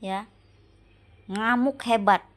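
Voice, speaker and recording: A woman speaks slowly in a mid-pitched voice, addressing her husband in an emotional monologue. She circles back to the same points again and again, pressing him with pleading rhetorical questions. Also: a bit bright. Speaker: wife venting on camera.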